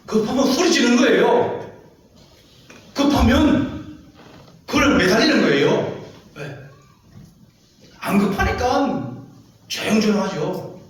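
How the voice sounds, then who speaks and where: A man's voice: high-pitched, sing-song, slow, long pauses. A man preaching a sermon as pastor, emphatic and often putting questions to the congregation. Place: church sanctuary. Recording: echoey church heard from a distance.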